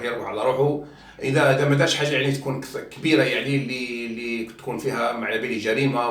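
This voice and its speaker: A man's voice: medium pitch, a bit bright, reverberant, far from the mic. A man journalist with an Algerian Arabic accent gives impassioned video commentary, appealing to viewers, swearing oaths and stumbling over repeated words.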